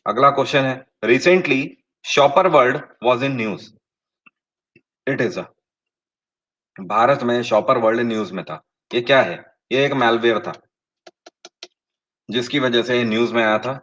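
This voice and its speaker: A male teacher runs a live online quiz, slowing down to read each question and then talking straight to his students with pointed emphasis. His voice sits at a middle pitch, and the audio is a touch dull and lo-fi. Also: fairly bright tone. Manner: reads questions in English slowly, explains in Hindi with rising emphasis; addresses live viewers directly, asks and confirms answers. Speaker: online exam-prep teacher.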